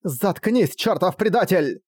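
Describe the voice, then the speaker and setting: A man voicing a furious young woman who shouts harshly at a traitor. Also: lowish voice, lively intonation, brisk, husky, no room sound, voice pushed up.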